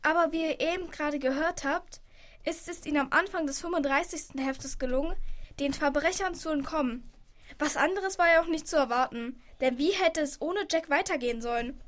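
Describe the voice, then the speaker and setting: A woman's voice: high voice, a bit bright. A woman narrating a children's radio play, chatting to the listeners in a confiding way.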